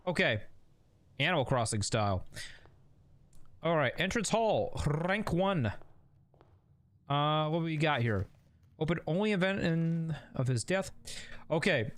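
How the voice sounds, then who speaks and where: A man's voice: on the high side, lively intonation, a little slow, long pauses, a bit bright. A man hosting a casual live game stream, rambling and laughing with lots of fillers and restarts. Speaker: streamer and host.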